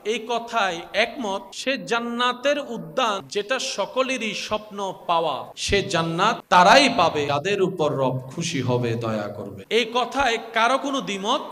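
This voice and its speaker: A male preacher delivering a sermon, firing rhetorical questions at the crowd and swinging from quiet talk to shouting. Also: high-pitched, sing-song, measured pace, hardly any pauses, in a large hall. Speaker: Islamic preacher. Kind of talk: Bengali waz sermon.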